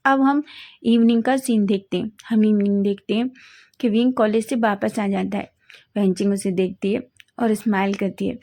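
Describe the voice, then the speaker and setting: A woman's voice: medium pitch, fairly even intonation, moderate pace, a little mellow. A woman reading a romance fan fiction story aloud in plain storytelling style, now and then correcting herself.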